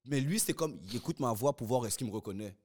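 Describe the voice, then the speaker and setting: A man's voice: mid-range voice, lively intonation, quick pace. A man, a podcast co-host telling a story in casual chat.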